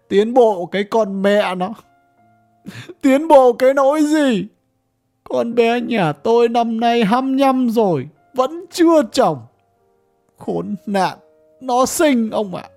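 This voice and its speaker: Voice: medium pitch, a little mellow, voice pushed up. A reader voicing a bitter, cursing old villager. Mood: grieving. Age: older. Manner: ranting, grieving, coarse cursing. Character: bitter old village man, former cadre. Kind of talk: audiobook character voice.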